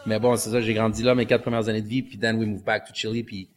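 Laid-back Quebec man, low voice. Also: fast talker, soft background music. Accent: Quebec French. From Canada. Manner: mixes French with English slang, relaxed storytelling. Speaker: guest. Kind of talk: casual conversation.

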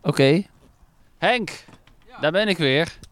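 A man's voice: medium pitch, fairly quick, a little mellow, smooth. A man reporting from a lakeside jetty in the rain, chatty and curious, often stumbling over his words. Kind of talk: outdoor field report.

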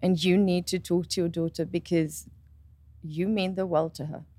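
A woman in her twenties tells a personal story in casual chat, her voice swinging up high and loud when she gets excited. She acts out what others said as she talks. The sound is close and dry. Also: normal speed, no room sound. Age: 20s. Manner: animated storytelling, quoting others.

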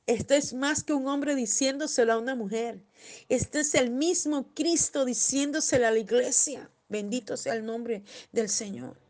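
A woman preaching a devotional sermon in a tender tone, slowing on scripture and crying out when she voices pleas. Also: high-pitched. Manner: tender, rising to loud cries when voicing pleas.

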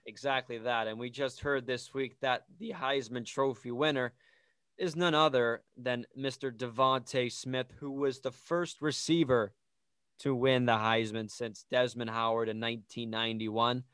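Clear-voiced man hosting sports talk. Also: mid-range voice, steady tone, moderate pace, a bit bright, no echo. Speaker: sports podcast host. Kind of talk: casual sports commentary chat.

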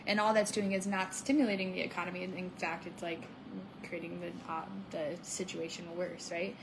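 A woman's voice: fairly low pitch, level tone, normal speed, gravelly, background noise. A woman co-hosting a casual podcast chat, upbeat and salesy, with lots of "like" and "right?". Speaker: podcast co-host.

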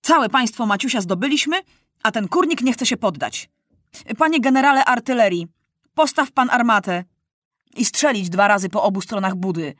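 A woman's voice: fairly high pitch, expressive, moderate pace, a bit bright, dry recording, clean studio sound, pitched above the performer's own voice. A woman reading aloud, voicing a proud, impatient young king who barks orders with contempt. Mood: commanding. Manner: commanding, contemptuous.

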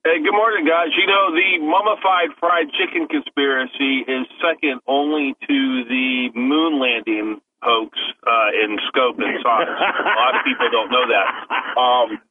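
A man phones in as a radio show caller, and his voice comes through a narrow, tinny phone line with a faint hiss underneath. He speaks at an ordinary pitch in a wry, mock-serious way, filling gaps with ums. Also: measured pace. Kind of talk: call-in talk radio.

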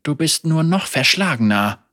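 A man putting on a young heroine from a storybook reading, pushed to the edge. Her voice sits high and pressed, rasping with a husky edge as she lashes out, defiant and bitter against her tormentor. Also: lively intonation, moderate pace. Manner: shouting in anger, teeth clenched. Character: embattled young woman, defiant and desperate.

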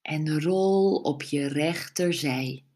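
A woman leading a guided relaxation meditation, giving soft, soothing instructions with long pauses. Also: sits low.

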